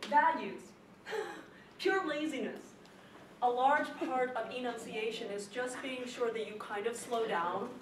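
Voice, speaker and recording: A woman's fairly high voice gives a classroom speech lesson, emphatic and lively, often driving a point home by repeating it. She is heard from a distance in an echoey room, with steady noise underneath. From not from the Chicago area. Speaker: teacher.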